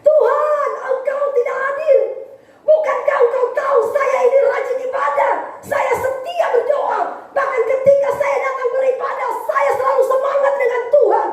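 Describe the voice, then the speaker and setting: A woman voicing a bitter, grieving young churchgoer who cries and shouts accusations, heard in an echoey church hall from a distance. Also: very high-pitched, flat delivery, normal speed, pitched above the performer's own voice. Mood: anguished. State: crying.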